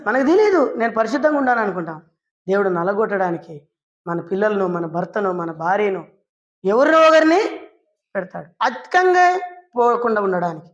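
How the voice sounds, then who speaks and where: A woman preacher giving a storytelling sermon, lively and full of questions she answers herself. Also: medium pitch, moderate pace, pauses often, lo-fi sound. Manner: lively, asks and answers her own questions; acts out quoted people in short voices.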